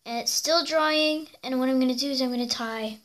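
A woman's voice: high-pitched, fairly quick, fairly bright tone. A girl casually showing off her toy horses in a vlog, rambling and chatty with frequent fillers and little squeals, filmed indoors at home on a handheld camera. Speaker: toy horse collector vlogger. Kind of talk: casual show-and-tell vlog.

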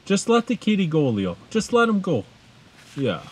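A man filming a family vlog at home, talking gently and coaxing his children and pets. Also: high voice, huge pitch swings, moderate pace. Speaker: vlogger and father. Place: at home on a countryside property. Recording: roomy, noisy home recording.

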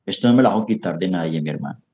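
A man's voice: low voice, lively intonation, rapid-fire, warm tone. Colombian man, middle-aged, earnest and preachy, interview guest, slightly dull audio. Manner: earnest, preachy, calls the host papi and hermano. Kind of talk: emotional testimony in casual chat.

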